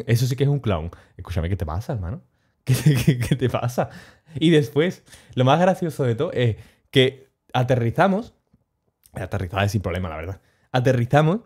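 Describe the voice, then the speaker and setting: Slangy man telling stories. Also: medium pitch. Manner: animated, slangy, chuckling. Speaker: streamer. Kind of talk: casual storytelling.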